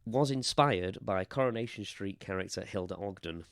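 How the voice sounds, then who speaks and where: A man's voice: on the low side, normal speed, dry recording. A man co-hosting a podcast in casual chat, chatty and self-deprecating. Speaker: podcast co-host.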